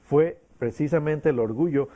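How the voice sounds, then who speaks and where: A man preaching a sermon, emphatic, reading scripture slowly and checking in with his listeners again and again. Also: fairly high pitch, narrow, tinny audio. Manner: reads scripture slowly, teaches with examples.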